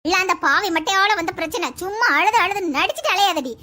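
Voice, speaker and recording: A woman's voice: very high voice, animated, fast, bright, forceful tone, voice pushed down, full character voice. A woman voicing a fierce, protective middle-aged mother who scolds harshly in a family skit. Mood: angry.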